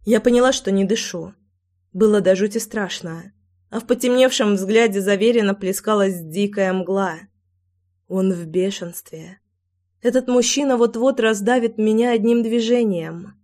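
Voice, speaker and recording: A woman narrating a first-person audiobook with an expressive, dramatic reading. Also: mid-range voice, normal speed.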